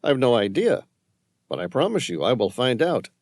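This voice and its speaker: A man's voice: mid-range voice, big pitch swings, moderate pace, a little mellow, no room sound, lightly acted. A man voicing a cold, calculating male handler in an audiobook, speaking in a cool, clipped, businesslike way. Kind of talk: audiobook narration.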